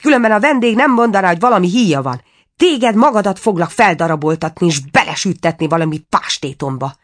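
A woman's voice: on the low side, lively intonation, voice pushed up. A woman voicing a haughty, furious prince who bellows threats in a storybook reading.

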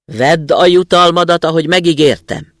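A man doing a booming giant spirit. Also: fairly even intonation, a bit bright, no room sound, studio quality, lightly acted. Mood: grand.

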